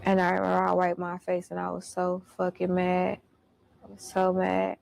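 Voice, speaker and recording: A woman's voice: on the low side, monotone, normal speed, creaky, a little mellow, a little hiss or hum. A woman telling a personal story in casual, blunt, profane street slang. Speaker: storyteller recounting her experience.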